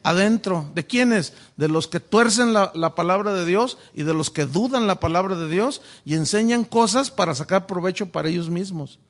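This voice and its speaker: A man's voice: sits high, moderate pace, hardly any pauses. A man, a preacher giving sermon-style Bible teaching and asking the audience many rhetorical questions.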